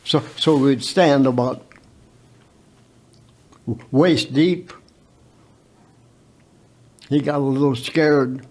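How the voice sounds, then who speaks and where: A very old man of about a hundred telling his own story unscripted as a veteran guest, haltingly, with repeated words and stammered starts. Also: mid-range voice, a little mellow. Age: very old, around 100.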